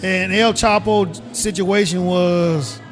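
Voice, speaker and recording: Middle-aged Southern man from Mississippi, high voice for his sex, slow emphatic guest storyteller, faint music underneath. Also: fairly even intonation. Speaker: guest, retired government agent. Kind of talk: casual interview.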